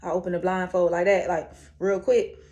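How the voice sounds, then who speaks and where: A young woman telling a funny dating story in a casual storytime monologue. She is animated and slangy, laughs often, and drops to a hushed whisper for asides. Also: on the low side, moderate pace, muffled recording.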